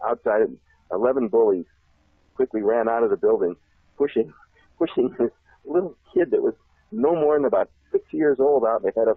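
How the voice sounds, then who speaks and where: A man telling a long childhood story on a talk show, animated and laughing often. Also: medium pitch, slightly rough, no room sound. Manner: animated, laughs often, acts out shouted voices. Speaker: guest telling a life story. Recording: tinny phone line.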